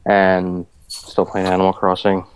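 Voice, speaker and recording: This is a man with a somewhat low voice co-hosting a relaxed podcast over a video call. He rambles along in an easygoing way and fills his pauses with "um" and "like.". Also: a little hiss or hum. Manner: easygoing, rambling with many fillers. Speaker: podcast co-host.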